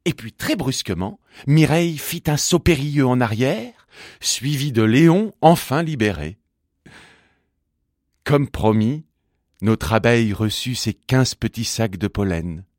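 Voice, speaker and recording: A man narrating a children's storybook in an expressive, singsong manner. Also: medium pitch, no room sound, clean studio sound.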